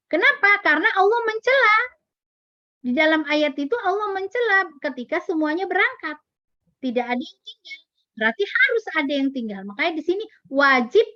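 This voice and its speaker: High-voiced woman teaching an Islamic lesson. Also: dry recording, dull audio. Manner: explanatory, repeats key words, asks rhetorical questions. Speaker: religious teacher at a parenting class.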